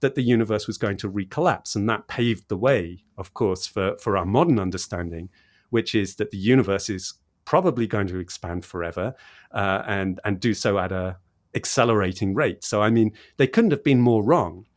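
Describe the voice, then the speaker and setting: A man's voice: fairly low pitch, normal speed. A man explaining science in conversation as an interview guest, with an enthusiastic manner and repetition for emphasis. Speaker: podcast guest, cosmologist explaining research.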